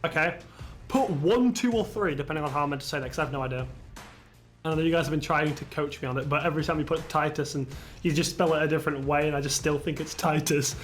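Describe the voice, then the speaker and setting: High-voiced British esports caster. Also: male voice, fast, soft background music. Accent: British English. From Britain. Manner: chatty, reads chat aloud, bursts into excited shouting at plays. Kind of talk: solo game commentary on a stream.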